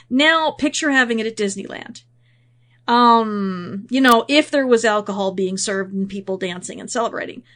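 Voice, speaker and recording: A woman hosting a podcast, her sinuses congested. She teaches Bible background in a chatty, self-deprecating way, with asides and fillers, and reads scripture aloud. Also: on the high side. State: congested, sniffling from draining sinuses. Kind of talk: casual spoken teaching, reading scripture aloud.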